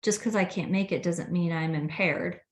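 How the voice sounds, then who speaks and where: A woman guest talking casually in an interview, chatty and animated when retelling conversations. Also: lowish voice, moderate pace. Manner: chatty, acts out quoted dialogue with laughs. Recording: roomy echo.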